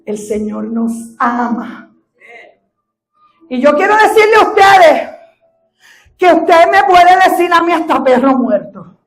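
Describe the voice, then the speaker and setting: A middle-aged Puerto Rican woman pastor preaching a sermon, telling a personal testimony that builds to fervent shouting. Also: sits high, very animated, takes it slowly, pauses often. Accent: Puerto Rican Spanish. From Puerto Rico.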